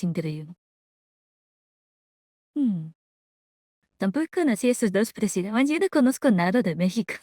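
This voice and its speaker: A woman's voice: fairly low pitch, mellow, dry recording, clean studio sound. A woman with a Latin American Spanish accent chatting casually with viewers on a live stream in a giggly, slangy, informal way. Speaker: VTuber streamer reacting to a video.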